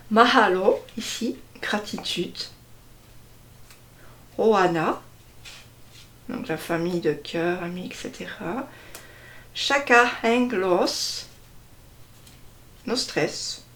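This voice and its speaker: A woman slowly presenting a deck of cards one by one, hesitating often and stressing each card name. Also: mid-range voice, a bit bright, a little hiss or hum. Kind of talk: casual card unboxing walkthrough.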